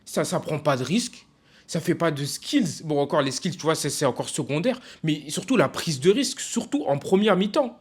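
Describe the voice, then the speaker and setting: A young man from France ranting casually in a video, frustrated and emphatic, halting often with fillers and restarts. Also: on the high side, expressive, breathy edge. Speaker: football vlogger.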